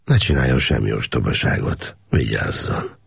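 A man reading aloud voices a stern but soft-spoken army lieutenant in an audiobook, speaking firmly and calmly. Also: extremely low pitch, creaky, breathy edge, no echo, full character voice. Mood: soft, gentle. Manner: firm, calm, measured.

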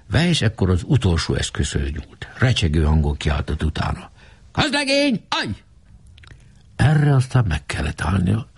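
A man narrating a storybook with an expressive, scripted reading. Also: low voice, husky. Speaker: audiobook narrator.

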